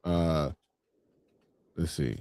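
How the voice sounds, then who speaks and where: A man co-hosting a podcast, speaking in a hesitant way with many "uh"s and pauses. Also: a bass voice, gravelly, warm tone, smooth, no room sound. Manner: hesitant, full of "uh" and "let's see". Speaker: podcast co-host. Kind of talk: casual chat.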